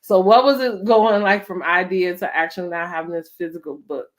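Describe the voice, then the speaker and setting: As host of a family storytime interview, this American-accented woman keeps things casual and conversational, full of "like" and "you know." Her voice is on the low side with fairly even intonation, and she speaks fairly quickly.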